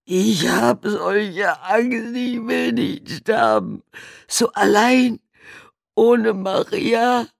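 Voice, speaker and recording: A man voicing a terrified man buried alive, pleading in a rough, desperate, high wailing voice. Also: animated, extremely slow, no room sound, clean studio sound, heavily acted. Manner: high, wailing, sobbing pleas.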